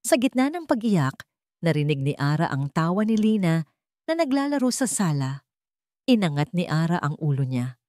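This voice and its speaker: Very animated, a woman with a deep, darkish voice and a Filipino accent reads a scripted dramatic story at a moderate pace as an audiobook narrator. The recording is studio quality with no room sound.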